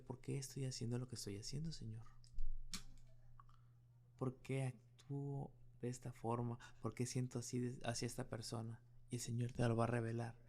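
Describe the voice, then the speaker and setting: Man, pastor, earnest sermon, rough fry-heavy voice, even monotone pitch. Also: a little hiss or hum. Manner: earnest preaching with personal story.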